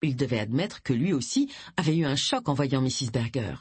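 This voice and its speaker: An audiobook narrator reading a story in an expressive way. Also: mid-range voice, moderate pace, slightly rough, no room sound. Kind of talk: scripted narration.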